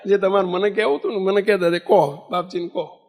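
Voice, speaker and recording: A man giving a sermon as a swami, telling a story and acting out the dialogue in an animated way. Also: sits high, fast. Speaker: swami giving a religious discourse. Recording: long hall reverb.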